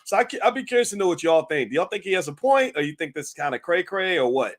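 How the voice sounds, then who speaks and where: A man talks straight to his viewers in a loose, chatty commentary style. His voice sits a little high for a man, and he keeps restarting his sentences, laughing and asking the audience what they think. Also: sing-song, fast talker. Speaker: channel host. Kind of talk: casual talk-show commentary.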